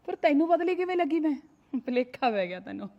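A woman's voice: sits high, big pitch swings, quick pace, dull audio. A woman playing a proud young married woman who scolds her sister-in-law, full of sayings. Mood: teasing. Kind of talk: short family drama.

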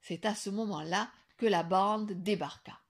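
A woman teacher reading a children's picture book aloud with expressive, animated storytelling. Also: mid-range voice, a little slow, vocal fry.

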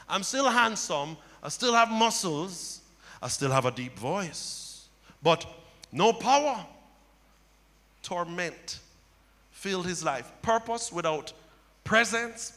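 Preaching fervently to a congregation, this male pastor's bright, high voice swells into loud cries as the sermon goes on. A handheld mic picks him up on the church stage, where the sound carries a long hall reverb.

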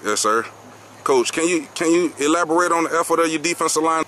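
Bright sports interviewer. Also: male voice, on the high side, fast talker, slight background noise. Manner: formal, says "yes, sir" after each answer. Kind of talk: postgame interview questions. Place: outdoor football field at night.

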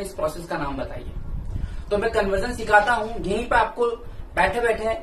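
A man's voice: high voice, a bit bright, far from the mic, a little hiss or hum. Man teaching with roomy echo. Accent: Indian English. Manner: explains slowly, repeating key terms for notes. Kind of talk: classroom lecture.

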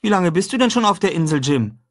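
Brief: curious, talkative boy, voice lifted high and a bit husky, as a male narrator plays him. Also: very animated, quick pace. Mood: eager curious. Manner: eager, questioning. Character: lively runaway boy, curious and chatty.

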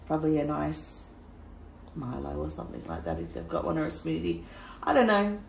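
A woman, chatting casually in a travel vlog with a husky morning voice and frequent laughs. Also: deep voice, wildly swooping pitch, a little fast, darkish tone, reverberant, slight background noise, rough recording. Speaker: travel vlogger. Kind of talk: casual vlog chat and narration.

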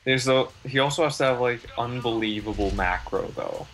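A man's voice: medium pitch, normal speed, a bit bright, rough recording. A young man making dry, wry remarks while casually commenting on a video game. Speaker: gamer.

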